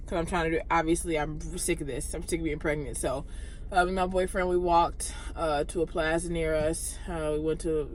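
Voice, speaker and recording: A young woman talks to her camera in a loose, rambling vlog chat, stopping often for fillers. She sounds a little out of breath. There is a faint noise in the background. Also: fairly low pitch. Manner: rambling, chatty, lots of fillers. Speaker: vlogger. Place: parked car; home kitchen.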